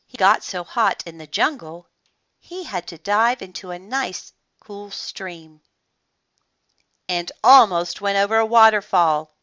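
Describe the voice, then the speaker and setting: A woman reading a bedtime picture book aloud, taking her time over every line with a very unhurried pace. Her bright voice swings up and down with plenty of expression. The recording is dry and slightly muffled. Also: medium pitch, no room sound. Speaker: storyteller. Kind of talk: bedtime story read-aloud.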